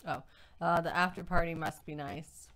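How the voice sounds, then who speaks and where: A woman's voice: lowish voice, steady tone, moderate pace, fairly bright tone. A woman co-hosting a casual livestream, reading out viewer comments and laughing easily. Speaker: co-host.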